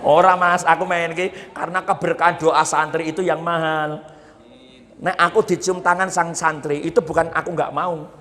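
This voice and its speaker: A man's voice: a little high, flat delivery, normal speed, sharp tone, in a large hall. A man with a Javanese accent giving a humorous Islamic sermon at a boarding school, teasing the audience as he preaches. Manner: jokey, teasing the audience, mixing Javanese and Indonesian.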